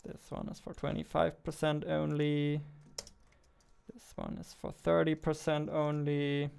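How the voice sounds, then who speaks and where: A game developer in his twenties livestreams from a computer desk indoors, chatting casually while he works and muttering phrases over and over to himself. His voice sits on the high side but comes out completely flat, a little slow, with vocal fry and a darkish yet clean tone. Keyboard typing and mouse clicks fill the background.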